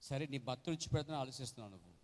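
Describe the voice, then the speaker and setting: A man's voice: mid-range voice, lively intonation, racing, big-room sound. A man preaching as a pastor, emphatic and questioning his congregation. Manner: emphatic, questioning the congregation, acting out quoted voices. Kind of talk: Telugu sermon with acted quotes. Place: church hall.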